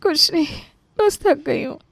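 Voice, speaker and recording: A polite young wife from an animated family tale who is worn out by chores, played by a woman. Her tone is mellow and soft. The sound is dry and close. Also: medium pitch, moderate pace, dry recording, natural voice. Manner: polite, weary.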